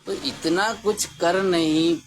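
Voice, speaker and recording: A man preaching a sermon slowly and emphatically, raising his voice for stress. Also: high-pitched, fairly even intonation, slight background noise. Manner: slow, emphatic, with rising exclamations.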